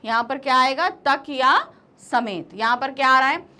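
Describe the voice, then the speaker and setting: A woman teaching a grammar lesson, reading out word lists slowly one word at a time with quick explaining asides. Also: high-pitched, sharp tone. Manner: slow, deliberate word-by-word dictation with quick asides.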